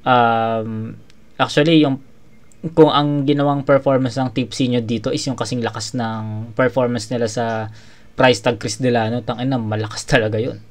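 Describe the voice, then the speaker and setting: A man's voice: medium pitch, steady tone, moderate pace. A man reviewing a rap battle in a casual commentary, swearing freely and often restarting his sentences. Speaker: battle judge reviewing a match.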